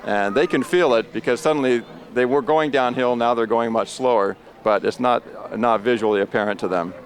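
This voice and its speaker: A man co-hosting live coverage of a road race outdoors, explaining the course in a precise, measured, technical way. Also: medium pitch. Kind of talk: explanatory live broadcast commentary.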